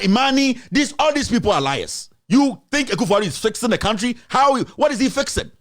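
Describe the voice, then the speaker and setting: A Ghanaian man hosting a show, delivering a heated, accusatory commentary full of repeated rhetorical questions. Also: very high voice. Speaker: host.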